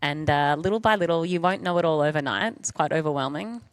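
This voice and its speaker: A woman's voice: low-pitched, fast talker, dry recording, rough recording. A woman in her thirties, a professional racer, chatting frankly and easily on a live panel and laughing often. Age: 30s. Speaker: professional gravel racer guest. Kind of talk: casual panel chat.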